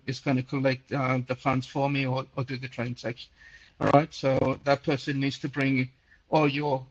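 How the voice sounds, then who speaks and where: A man's voice: medium pitch, dull audio. A man in his sixties from Chile, who says he is nearly deaf, hosting a casual call-in chat and answering questions in a rambling way, with many fillers and repeated words. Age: 60s. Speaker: host answering listener questions.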